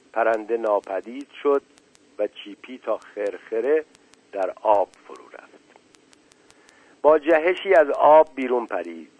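A man's voice: mid-range voice, no echo, phone-quality sound. Man reading a children's story. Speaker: narrator. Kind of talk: storybook narration.

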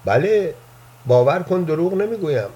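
A man voicing a gentle, playful old man who earnestly believes in angels, speaking softly and confidingly. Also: fairly high pitch, sing-song, highs cut off, pitched above the performer's own voice. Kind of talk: storybook reading.

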